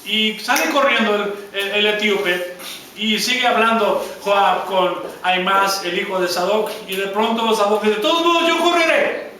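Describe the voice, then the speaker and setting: High-voiced man preaching in echoey hall. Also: steady tone, measured pace, distant mic, noisy background. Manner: emphatic storytelling preaching, repeating words and restarting. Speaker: pastor. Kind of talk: sermon. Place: church hall.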